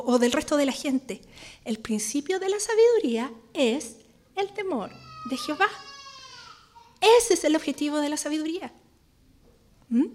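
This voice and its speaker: A woman teaching a Bible study in a conversational way, often checking in with her listeners. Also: sits high.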